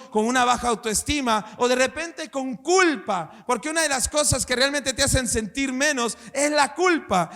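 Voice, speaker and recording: High-voiced preaching pastor in a reverberant church. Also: male voice, creaky. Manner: impassioned preaching, rhetorical questions, voice rising to shouts. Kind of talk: sermon.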